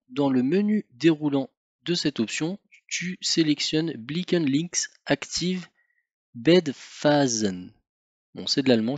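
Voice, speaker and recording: A man narrating a step-by-step car tutorial, calm and methodical, speaking informally to the viewer. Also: a little high, no echo, lo-fi sound. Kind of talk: step-by-step instructional voice-over.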